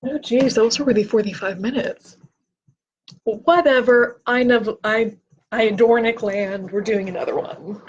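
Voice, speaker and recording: A woman hosting a casual livestream, reading philosophy aloud and chatting in a slow, self-deprecating way, a little tipsy. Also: a little high, husky. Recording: dull lo-fi stream audio.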